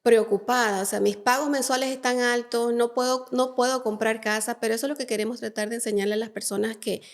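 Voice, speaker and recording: A woman's voice: on the high side, steady tone, quick pace. A woman hosting a podcast, interviewing a guest in a friendly, chatty way. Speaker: podcast host. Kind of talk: casual interview.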